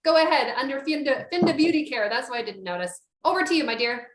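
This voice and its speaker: A Canadian woman hosts a virtual networking event, upbeat, chatty and encouraging. Her high-pitched voice moves quickly with lively intonation, coming over a video call from an echoey room.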